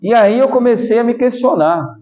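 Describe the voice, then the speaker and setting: A middle-aged Brazilian taekwondo master with an extremely high-pitched voice talks at a normal speed in a casual interview, his Brazilian Portuguese accent clear. He tells stories animatedly and explains things patiently with little asides, on slightly dull lo-fi audio.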